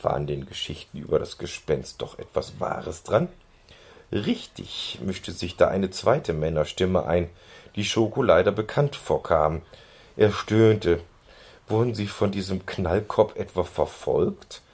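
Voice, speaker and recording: A man reading a children's story aloud in an expressive, playful way. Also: low voice, a little slow, slightly rough. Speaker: narrator. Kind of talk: audiobook reading.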